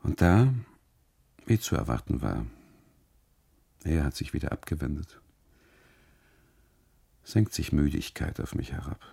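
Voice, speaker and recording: A weary brooding husband, gravelly. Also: male voice, big pitch swings, dark tone, dry recording, full character voice. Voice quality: gravelly, husky low voice. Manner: slow, inward, musing delivery. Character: brooding German husband on an unhappy holiday, weary. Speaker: first-person narrator of a radio monologue. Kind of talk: introspective radio drama monologue.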